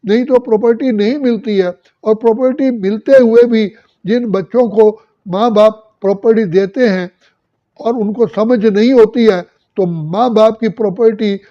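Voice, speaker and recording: An older man, a spiritual teacher, giving a measured discourse that lists virtues one by one. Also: high voice, mellow. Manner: slow measured listing of virtues. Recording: dull lo-fi recording.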